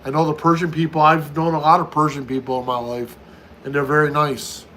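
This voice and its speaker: A talkative American man in his fifties whose voice sits a little high for a man. He runs a relaxed live-stream chat and repeats his points as he answers viewers one by one. A faint hiss runs under his speech. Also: fairly quick, poor audio. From United States. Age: 50s. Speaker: livestream host.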